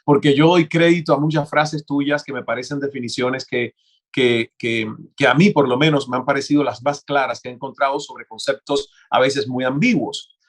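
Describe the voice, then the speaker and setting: A man's voice: mid-range voice, fairly even intonation, moderate pace. Man hosting an interview. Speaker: interviewer host. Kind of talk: interview conversation.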